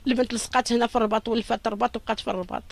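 Middle-aged woman, Moroccan Arabic accent, grieving mother in an interview; lamenting, rushed delivery, dry close sound. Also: a little high, steady tone, vocal fry, no room sound. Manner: urgent, lamenting, pleading. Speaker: mother of a victim. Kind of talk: emotional interview testimony.

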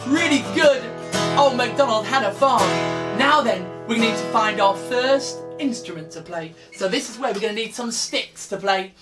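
A man's voice: very high voice, normal speed. A young man leading an interactive children's music class, singing and cheering the kids on while he plays. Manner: upbeat, encouraging, sings and prompts children. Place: small room with guitars on the wall, indoors. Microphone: camera in front, seated with acoustic guitar. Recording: guitar accompaniment throughout.

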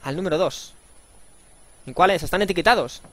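With faint game music in the background, a Spanish let's play host offers playful, slangy gameplay commentary, cracking jokes and exclaiming as he goes. He speaks briskly in a high-sitting, fairly bright voice.

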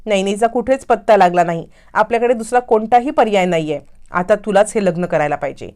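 A woman's voice: mid-range voice, brisk, a little mellow, natural voice. A woman voicing an anxious mother urging her daughter to go through with a wedding. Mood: urgent. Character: worried mother scheming to save family honor.

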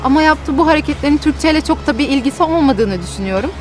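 A woman's voice: sits high, expressive, racing, a little mellow. A woman reality show contestant commenting on a dispute in a critical, matter-of-fact way.

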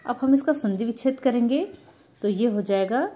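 A woman's voice: on the high side, moderate pace, warm tone. A woman teacher giving a grammar lesson, patiently asking questions and answering them herself. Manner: addresses students as children.

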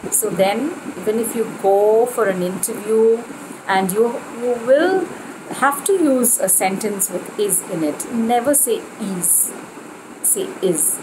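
Woman, Indian English accent, teacher drilling pronunciation, unhurried delivery, humming room noise. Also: mid-range voice, animated. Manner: slow, deliberate pronunciation drills. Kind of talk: spoken English lesson.

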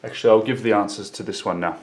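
A male teacher giving a recorded English lesson for children, repeating model sentences slowly and carefully. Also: lowish voice, fairly even intonation.

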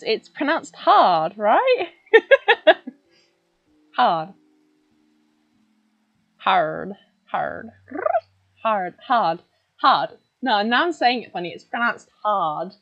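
A woman's voice: fairly high pitch, fairly bright tone. A British woman chatting casually on a drawing stream, playful and giggly, repeating words over and over. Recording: dull lo-fi stream audio with faint music.

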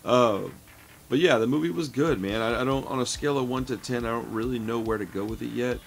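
A fairly quick, medium-pitched male voice carries a little hiss or hum as its owner, a man in his late thirties, casually reviews a horror movie. Relaxed and talkative, he calls the listener "man" a lot from a home room lined with records and films.

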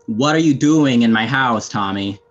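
Stern, deadpan male fighter acted by a man, muffled. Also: mid-range voice, moderate pace, close to an everyday voice. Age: young adult. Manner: deadpan, curt, sardonic. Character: stern, weary, menacing male anarchist fighter. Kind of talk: amateur video game role-play drama. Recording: muffled lo-fi headset audio.

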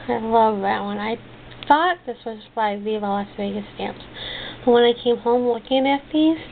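A hobby crafter presents her purchases in a relaxed, stop-and-start show-and-tell, often drifting off mid-thought and rewording things. She speaks with a fairly high voice from a desk indoors. Recorded on a handheld camera's built-in microphone, the audio is muffled and phone-like, with clicking in the background.

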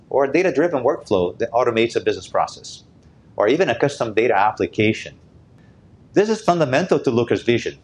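A man in his fifties giving a corporate keynote from his living room over a webcam, upbeat and measured, lifting his pitch at the start of each point. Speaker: company executive giving a keynote.

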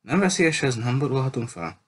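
A man's voice: low-pitched, very animated, fairly bright tone. A man voicing a skeptical, nervous working man who asks anxious questions, over a faint hiss. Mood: panicky. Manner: nervous, doubtful.

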